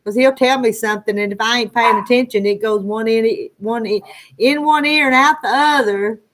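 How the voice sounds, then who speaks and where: Background noise accompanies a woman in her sixties whose voice is a little high and whose pace is normal. She hosts a livestream from the Arkansas Ozarks foothills, United States, chatting with viewers in a folksy, rambling, homespun style and a rural Southern Ozark country accent.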